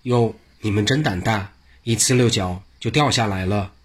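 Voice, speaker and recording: A brash old monk who teases everyone around him, with a low, husky voice, put on by a male storyteller. He sounds playful and loud in a storybook tale. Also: normal speed. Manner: brash, teasing.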